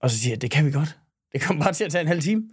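A man's voice: a little high, animated, husky. A man, a guest on a podcast, telling stories about himself in a laid-back, self-mocking way with chuckles. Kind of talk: casual storytelling chat.

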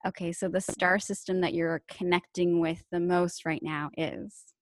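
A woman's voice: lowish voice, fairly even intonation, measured pace, no echo, studio quality. A woman hosting a podcast, asking casual questions and gushing over her guest's answers. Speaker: podcast host. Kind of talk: casual interview chat.

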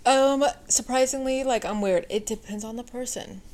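A woman co-hosting a podcast in casual chat, teasing and candid with loud bursts. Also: a little high, moderate pace. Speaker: podcast co-host.

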